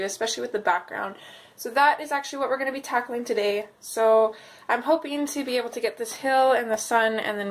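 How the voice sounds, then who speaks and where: Higher-pitched woman with a slightly sore throat. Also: poor audio. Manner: unhurried, thinking aloud. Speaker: host of a coloring tutorial video. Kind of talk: casual tutorial chat while working. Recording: clear background noise.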